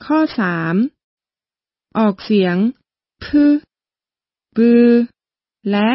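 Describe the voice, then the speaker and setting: Slow and patient, a female language teacher walks through a scripted pronunciation lesson one step at a time, keeping a polite tone. The audio is dull and carries no room sound.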